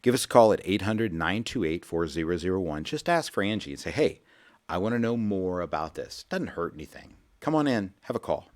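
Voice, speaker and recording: A man with a low, lively voice hosts a financial radio show from a studio, talking a little fast. His delivery is rambling and folksy, full of repeated words, as he mixes casual chat with a sales pitch.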